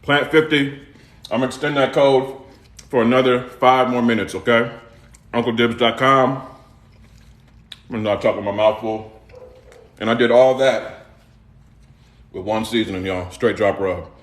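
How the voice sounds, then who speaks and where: A middle-aged man with a Houston, Texas accent chats loosely to his livestream viewers from his kitchen. He is laid-back and repeats himself, at a middle pitch for a man. The room gives his voice a roomy echo. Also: steady tone, measured pace, long pauses. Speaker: livestream cooking host. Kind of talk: casual live-stream chat. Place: home kitchen.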